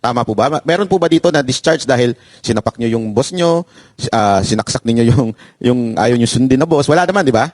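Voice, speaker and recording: A man's voice: mid-range voice, expressive, fairly quick, darkish tone, dry recording. A male host moderating a panel, probing with rhetorical questions.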